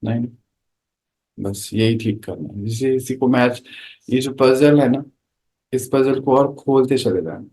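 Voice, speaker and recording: A man's voice: mid-range voice, measured pace, pauses often, mellow, low-quality recording. A man giving a conversational spiritual talk to an audience, telling everyday anecdotes and asking rhetorical questions. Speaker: spiritual speaker.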